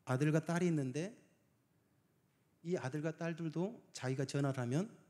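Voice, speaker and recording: A male pastor preaching a sermon. He swings between hushed, near-whispered phrases and loud emphasis, and asks the congregation many rhetorical questions. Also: fairly high pitch, moderate pace.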